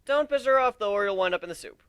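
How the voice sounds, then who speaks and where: Man acting Griffin the Griffin, brash forceful captain. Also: high-pitched, animated, fast talker, smooth, no echo, studio quality, pitched above the performer's own voice. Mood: loud, commanding. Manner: loud, commanding, speechifying. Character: brash, cocky male griffin captain addressing his crew.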